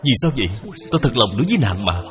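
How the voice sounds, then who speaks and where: A man voicing an earnest, courteous young gentleman suitor with a courtly manner. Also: fairly low pitch, big pitch swings, very fast, crowd noise.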